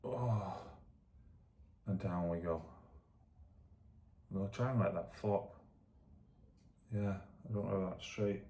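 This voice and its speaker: A man with a gravelly voice chatting casually as a vlogger, thinking aloud in a self-deprecating, rambling way while demonstrating exercises. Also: deep voice, slow pace, long pauses, warm tone. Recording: echoey room.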